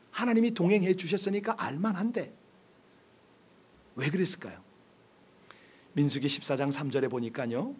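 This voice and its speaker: A man with a notably high voice preaches a sermon from a church pulpit. He drives his points home with rhetorical questions, drops to near-murmurs, then climbs back to loud, pressing emphasis. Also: husky. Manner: swings between quiet, low asides and loud, pressing emphasis. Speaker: pastor. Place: church sanctuary.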